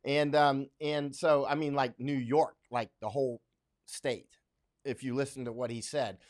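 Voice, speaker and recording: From his home in Thailand, a Central Florida man runs a laid-back livestream in a steady, mid-range voice at a measured pace. He reads out what viewers write and replies in a meandering way, full of fillers and false starts.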